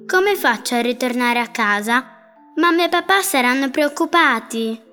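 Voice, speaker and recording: A woman's voice: high-pitched, expressive, normal speed, bright, forceful tone. A woman voicing a bored little girl who whines and pleads, in a storybook reading with music behind. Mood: worried. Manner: whiny, pleading.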